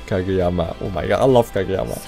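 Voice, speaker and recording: A man's voice: low voice, fast, vocal fry, faint music behind. A young man hosting a reaction video, exclaiming and repeating himself as he watches an anime episode. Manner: excitable, exclaiming, repeats phrases. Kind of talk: live reaction commentary. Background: anime soundtrack playing faintly.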